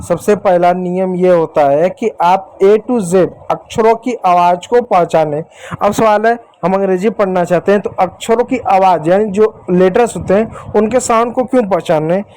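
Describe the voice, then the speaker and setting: Male teacher, high voice, patient and repetitive, talks straight to young pupils. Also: a little mellow, low-quality recording. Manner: patient, repeats reminders to children; slows down to spell out example words. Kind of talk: explaining lesson to children.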